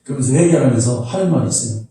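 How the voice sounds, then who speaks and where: Animated Korean pastor in an echoey hall. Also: male voice, medium pitch, racing, distant mic, a little hiss or hum. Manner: animated storytelling, acts out shouted quotes. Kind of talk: sermon. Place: church sanctuary.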